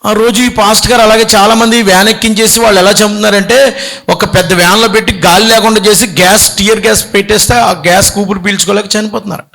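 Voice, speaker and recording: A bishop delivers a sermon in a fairly high-pitched voice. He tells stories dramatically, rising sharply and then dropping to a hush. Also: steady tone, fast, gravelly. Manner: dramatic storytelling with big swings in pitch and loudness. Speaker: bishop preaching.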